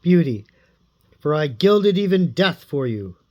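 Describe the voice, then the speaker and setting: A man voicing a clever young woman with a soft, coaxing manner in a read-aloud story. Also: a little high, big pitch swings, unhurried, lo-fi sound.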